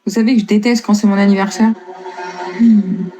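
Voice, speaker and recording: A young woman in her twenties with a light northern French lilt chats loosely on a live stream, answering viewers' comments and laughing easily. Her voice sits at an ordinary pitch with a mellow, darker tone. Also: steady tone, brisk. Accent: slight northern French (Lille). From northern France. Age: 20s. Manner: chatty, laughs often, reads and answers comments. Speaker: livestreamer.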